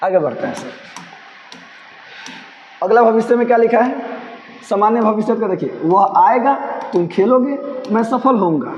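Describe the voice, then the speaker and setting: A man's voice: sits high, expressive, normal speed, long pauses, slight background noise. A male grammar teacher, explaining tenses playfully and asking himself questions aloud. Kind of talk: grammar lesson for students. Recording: echoey room, dull lo-fi sound.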